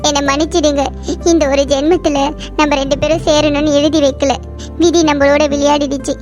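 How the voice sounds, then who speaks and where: A woman's voice: sits high, flat delivery, fairly quick, a little mellow, faint music behind, lightly acted. A woman voicing a proud, stubborn young college girl in a cartoon love story, snapping back huffily. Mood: sad. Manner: huffy, snappy retorts. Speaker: heroine.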